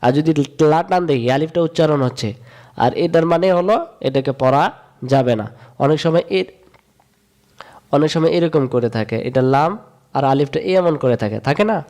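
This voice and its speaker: A man from Bangladesh, teaching a step-by-step recitation lesson, repeating rules in a sing-song chant and drawing sounds out slowly. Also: on the high side, darkish tone. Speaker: Quran reading teacher.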